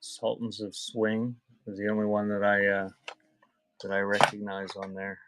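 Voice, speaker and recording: An online seller hosts a live cassette sale, reading out album titles and chatting off the cuff with viewers. His voice is fairly low and monotone at a moderate pace, and the audio is very noisy.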